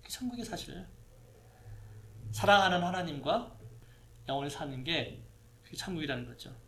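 Guy preaching in church, kinda high voice, chatty, keeps asking the crowd questions. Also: big pitch swings, moderate pace, a bit bright. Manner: conversational preaching, rhetorical questions to the congregation. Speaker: pastor. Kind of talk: sermon. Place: church hall with a projector.

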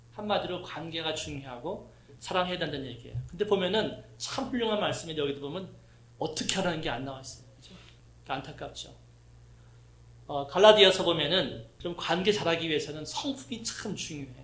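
A middle-aged man preaching a conversational sermon, telling lively personal stories, acting out voices and asking the congregation questions. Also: on the high side, echoey room. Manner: lively storytelling, acts out quoted voices, asks the congregation questions. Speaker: pastor.

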